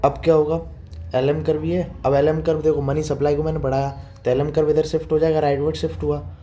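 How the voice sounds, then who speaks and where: Young male teacher, warm low-key tone, brisk informal lecturing that keeps checking students follow. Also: flat delivery, muffled recording, a little hiss or hum. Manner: repetitive, checks understanding with frequent 'theek hai'; quick, informal teaching tone, addresses students as 'beta'. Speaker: economics teacher. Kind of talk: classroom lecture explaining diagrams.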